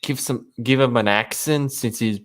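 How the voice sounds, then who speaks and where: A man's voice: mid-range voice, normal speed, a bit bright. A man co-hosting a podcast in casual chat, hesitant and full of fillers. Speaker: podcast co-host.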